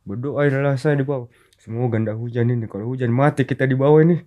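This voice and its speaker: A man's voice: mid-range voice, quick pace, muffled recording. A man recounting a mountain rescue in a casual interview, acting out quoted dialogue as he tells it. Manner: animated storyteller, acts out quoted dialogue. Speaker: rescue volunteer guest.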